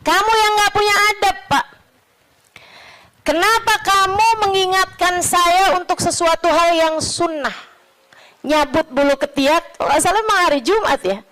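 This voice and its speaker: A woman voicing a bold old sheikh who answers his accuser with forceful, rapid retorts. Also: extremely high pitch, pitched above the performer's own voice. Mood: defiant.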